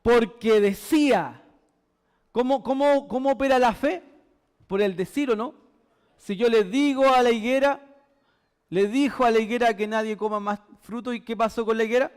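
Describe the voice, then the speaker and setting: A man with a very high voice and a Chilean Spanish accent preaches a sermon. He puts questions to his listeners and repeats words to drive them home. His voice echoes through a church hall with a long reverb. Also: normal speed, smooth. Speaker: pastor.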